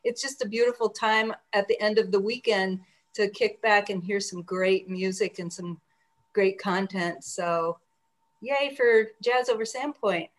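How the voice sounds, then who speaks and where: A woman's voice: medium pitch, a little slow. A woman hosting a conversational radio interview over a group call, speaking in an encouraging, appreciative way. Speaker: radio station host interviewing programmers. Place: remote group video call.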